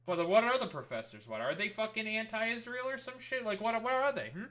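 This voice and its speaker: A man's voice: sits high, expressive, a little fast, a bit bright. A man streaming and reacting to clips, talking in a heated, sarcastic, swear-filled rant. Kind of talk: profane rant commentary.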